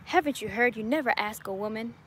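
A woman's voice: on the high side, fast talker, fairly bright tone, slightly rough. Upbeat young woman chatting in a garden. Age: 20s. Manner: upbeat, chatty, laughs often. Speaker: YouTuber answering live chat. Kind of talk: casual livestream chat. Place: outdoors in a home garden. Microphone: webcam or phone at arm's length.

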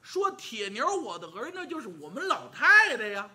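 A man's voice: very high-pitched, very animated, normal speed, pushed and bright, exaggerated voice. A man voicing a brash, hot-tempered, burly outlaw warrior who talks bluntly and boastfully.

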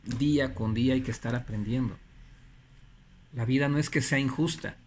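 A man giving an earnest, preachy motivational talk. He repeats phrases for emphasis and pauses between them. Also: medium pitch, darkish tone, husky. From Mexico. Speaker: motivational speaker.

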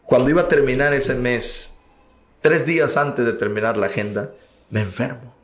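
A man, an evangelist, telling his testimony in an interview, emotional and at times rising almost to a shout. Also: medium pitch, moderate pace, reverberant. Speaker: evangelist guest. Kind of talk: testimony storytelling.

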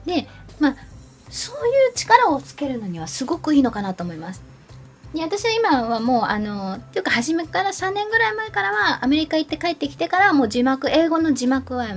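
Japanese woman hosting a chatty english lesson, bouncy up-and-down voice, bit high, soft music under it. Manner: chatty and lively, imitates English phrases. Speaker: English study channel host. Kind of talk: casual spoken lesson to camera.

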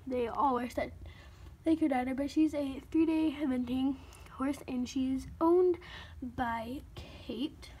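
A woman's voice: high voice, slow pace, slightly rough. A woman casually narrating a tour of her toy horse barn, listing items in a chatty way and sometimes dropping to a whisper, recorded on a handheld phone indoors. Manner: chatty listing, soft at times, slips into whispers. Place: carpeted room at home, indoors. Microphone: handheld phone camera, unseen speaker.

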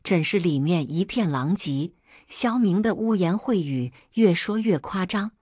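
A woman narrates a first-person audiobook story with dramatic storytelling flair, in a dry recording with no room echo. Her voice is low, husky and darkish, animated but unhurried.

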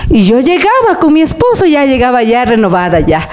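Emotional woman preacher with a higher voice. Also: huge pitch swings, brisk, a little mellow. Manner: emotional, pitch jumps up and down for emphasis; addresses listeners as brothers.

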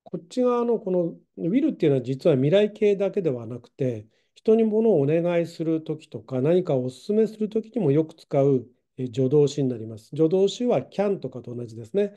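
A man's voice: a little high, lively intonation, normal speed, hardly any pauses, warm tone. A middle-aged man teaching English grammar online, explaining patiently with many fillers.

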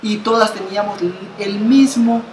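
This time her voice is mid-range and fairly even, at a moderate pace, with background noise. The Colombian interviewee in her fifties, an association founder, speaks earnestly in conversation, often restarting, repeating words, and gesturing. She sits in a bright living room by a window, and the audio has a roomy feel.

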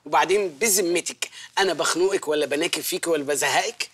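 A man's voice: on the high side, fast, fairly bright tone. A man with an Egyptian accent playing a jobless, teasing, henpecked young husband in a comic film scene, by turns meek and mocking. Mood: pleading. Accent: Egyptian Arabic. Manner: meek, then mocking and exaggerated. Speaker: film comedian.

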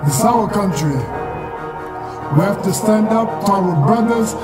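A man's voice: high-pitched, unhurried. A man rapping and half-singing a rousing call to stand up and fight. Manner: rousing war-cry delivery. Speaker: rapper. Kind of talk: rap track intro, chanted and half-sung. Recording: hip hop track with loud music.

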